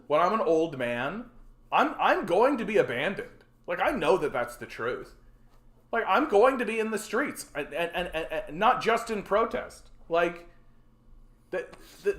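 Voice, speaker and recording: A man's voice: high voice, fairly bright tone. A man in his forties from Canada, hosting a solo livestream in a frustrated, rambling rant full of stammered repeats. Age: 40s. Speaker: livestream host. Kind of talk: ranting solo livestream talk. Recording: roomy echo.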